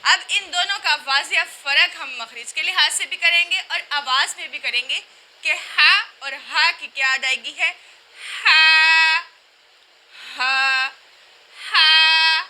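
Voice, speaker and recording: A woman teaching a recitation class, explaining pronunciation and slowly repeating sounds and words to demonstrate them. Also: high voice, bright, forceful tone, low-quality recording.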